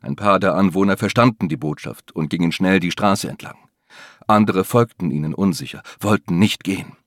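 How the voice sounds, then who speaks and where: A man's voice: low voice, normal speed, no echo, clean studio sound. A man reading a tense thriller as an audiobook narrator, with dramatic storytelling. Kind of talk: scripted narration.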